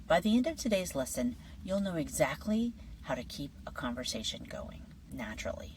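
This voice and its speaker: A woman with a low, deep voice teaches an English lesson in a friendly, scripted way. Her delivery is lively but slips into soft, breathy whispers at times. She sits a little back from the microphone, with faint background noise. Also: normal speed, recorded from a distance, rough recording.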